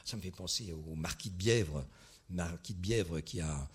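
A man leading a wordplay game with an audience, animated and hesitant, full of restarts and fillers. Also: low voice, moderate pace, husky. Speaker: word game leader.

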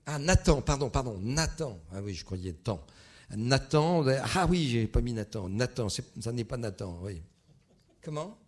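A man leading a wordplay game with an audience, animated and hesitant, full of restarts and fillers. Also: medium pitch, measured pace. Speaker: word game leader.

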